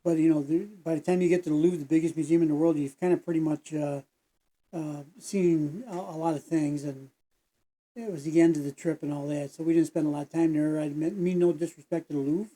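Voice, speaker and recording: An American man hosts a reaction video in a folksy, meandering way, drifting into tangents and back with plenty of fillers. His voice is fairly high, mellow, fairly even and fairly quick, captured on a low-quality recording.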